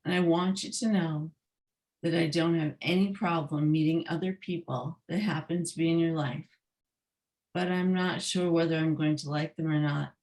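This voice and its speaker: A woman reading the letter of a young girl to her parents from a children's book, gently. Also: low voice, fairly even intonation, normal speed. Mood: soft. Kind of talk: read-aloud children's book.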